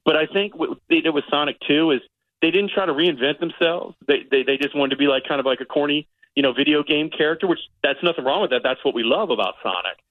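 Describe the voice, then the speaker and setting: A middle-aged man reviews movies on a radio show in a casual, rambling chat, often repeating himself for emphasis. His voice is a little high and fast, with no room sound and phone-quality audio.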